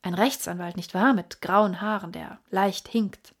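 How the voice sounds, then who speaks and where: In an audiobook, a woman with a mid-range voice plays a calm, sharp-minded male detective. She gives him a husky voice and a measured, inquisitive manner that sometimes drops to a hush.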